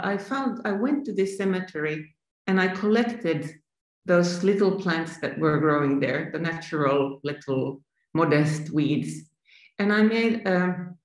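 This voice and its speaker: A Finnish woman with a low voice answers remote interview questions as an artist guest, sounding thoughtful and reflective and restarting phrases. She speaks from a sunny room at home into a video call laptop camera, and the room is echoey.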